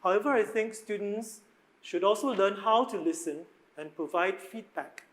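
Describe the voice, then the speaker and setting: A moderator with a mid-pitched voice guides a panel discussion. They sum up points and read questions aloud. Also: normal speed, rough recording.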